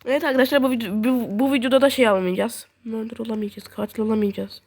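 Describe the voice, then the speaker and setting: A young woman giving casual, excitable commentary while playing a game and talking to her viewers. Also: a little high, fast. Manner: chatty, excitable, talks to viewers. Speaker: gaming video host.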